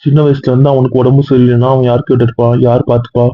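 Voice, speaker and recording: A man's voice: medium pitch, level tone, rapid-fire, no echo, close to an everyday voice. An actor playing a stern young man who lectures his family in a comedy-drama skit. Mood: stern lecturing. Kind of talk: casual web-series acting. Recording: tinny phone-like dry sound.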